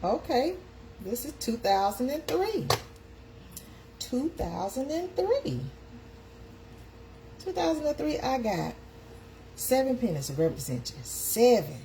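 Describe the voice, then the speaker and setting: Woman host, 50s, chatty, higher pitched, faint hiss behind her. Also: sing-song, slow pace, pauses often, mellow. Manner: chatty, calls out to viewers. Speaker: live stream host. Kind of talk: casual live chat.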